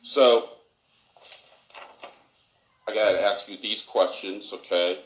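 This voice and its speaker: A man conducting a formal investigative interview in a halting, procedural, repetitive way, captured on a tape recorder in a room. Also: lowish voice, fairly even intonation, echoey room. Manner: halting, procedural, repeats himself. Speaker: police internal affairs interviewer. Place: indoor room.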